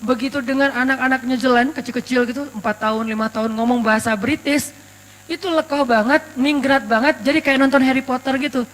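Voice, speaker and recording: A man's voice: extremely high pitch, steady tone, a little fast, fairly bright tone. A man from Aceh giving a casual, chatty sermon, telling stories with joking asides. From Aceh, Indonesia. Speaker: preacher. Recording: reverberant hall with mains hum.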